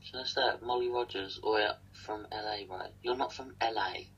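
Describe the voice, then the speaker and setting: A man's voice: on the low side, fairly even intonation, normal speed, fairly bright tone, lo-fi sound, a little hiss or hum. Young man chatting on a webcam stream. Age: young adult. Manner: chatty, reads out and thanks viewers by name. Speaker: livestream co-host. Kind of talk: casual livestream chat. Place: small indoor room. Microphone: webcam at desk.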